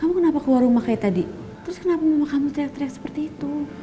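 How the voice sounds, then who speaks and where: A woman's voice: high voice, rapid-fire, mellow, a little hiss or hum, lightly acted. An actress as a young woman pressing for the truth. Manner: insistent, pressing questions. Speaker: actress in a TV drama. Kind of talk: TV soap drama acting.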